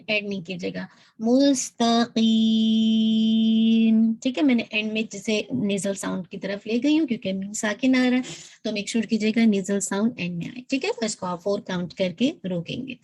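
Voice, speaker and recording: A woman teaching Quran recitation in a patient lesson. She works step by step, keeps checking in, and slowly draws out sounds to model them. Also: medium pitch, darkish tone. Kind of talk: instructive lesson.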